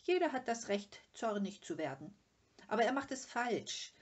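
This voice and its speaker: A tiny, cheeky girl creature with a high, piping voice, as a woman reading a storybook puts her on. She speaks bluntly and with a mocking edge. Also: big pitch swings, normal speed, breathy edge. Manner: blunt, matter-of-fact, mocking.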